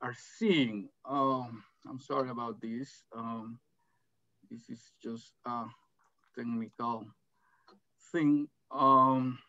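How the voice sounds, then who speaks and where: A middle-aged Salvadoran moderator presents in an academic webinar via video call from an office. He takes it slowly in a sharp, mid-range voice with fairly even intonation, hesitating with fillers and restarts; the audio is dull and dry without echo.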